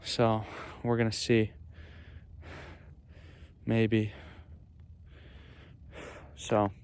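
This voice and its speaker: A young man chatting casually to camera outdoors, halting and pausing as he bears the cold. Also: on the low side, completely flat delivery, darkish tone. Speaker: vlogger. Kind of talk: casual unscripted vlog chat to camera. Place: outdoors in cold stream under a small bridge. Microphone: handheld phone or camera. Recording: clear outdoor background noise, ambience.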